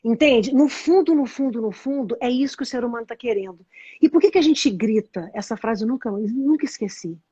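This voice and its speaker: A woman's voice: on the high side, fairly quick, warm tone, husky, dry recording, highs cut off. A woman with a Brazilian Portuguese accent, hosting a casual live chat and earnestly explaining ideas while often restarting her phrases. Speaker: host explaining meditation and nonviolent communication.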